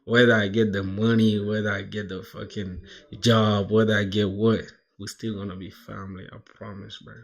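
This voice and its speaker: A man's voice: fairly low pitch, level tone, normal speed, vocal fry, few pauses. A man in his twenties from South Sudan, chatting casually on a coding live stream, dropping "bro" into nearly every line and reading chat aloud. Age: 20s. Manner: slangy, says "bro" constantly, laughs, reads chat aloud. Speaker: livestreamer coding toward a job.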